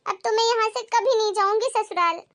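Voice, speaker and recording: A spoiled young daughter whines and demands, as a woman acts her out in a moral story, her voice climbing very high and sharp. She complains shrilly and never lets up. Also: steady tone, fairly quick. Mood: whiny.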